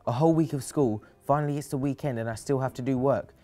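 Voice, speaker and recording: A man's voice: medium pitch, fast talker, mellow, soft background music, voice pushed up, lightly acted. A man voicing a cheeky, dramatic ten-year-old schoolgirl who whines and complains. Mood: groaning. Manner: whining, complaining.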